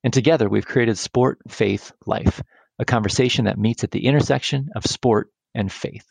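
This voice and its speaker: A man's voice: mid-range voice, normal speed, gravelly, dry recording, poor audio. A man co-hosting a podcast, opening the show and asking a guest friendly questions. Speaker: podcast co-host. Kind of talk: scripted show intro and interview questions.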